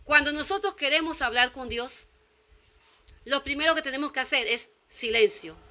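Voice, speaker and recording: Bright-voiced woman preaching a sermon. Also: sits high, normal speed. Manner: emphatic repetition, acts out quoted dialogue.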